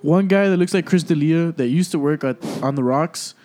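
A man's voice: fairly high pitch, normal speed, darkish tone. An American man in a casual group chat, laid-back and slangy, with frequent swearing.

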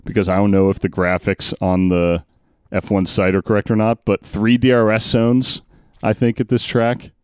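A man co-hosting a casual sports podcast, chatting and reading out race stats quickly. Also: fairly low pitch, flat delivery, a little mellow, clear, resonant tone, no room sound, clean studio sound. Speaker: podcast co-host.

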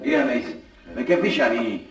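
A middle-aged man with an Egyptian accent playing a fussy, pedantic family father who lectures in a rapid, lively flow. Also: medium pitch, close to an everyday voice.

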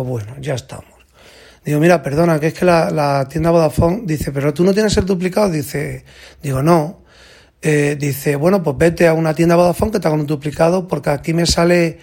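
A man from telling a rambling, excited story, constantly repeating "I said" and "he said". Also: fairly high pitch, creaky, husky. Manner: rambling, repeats "digo" and "dice"; excited and exclaiming. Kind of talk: casual spoken rant.

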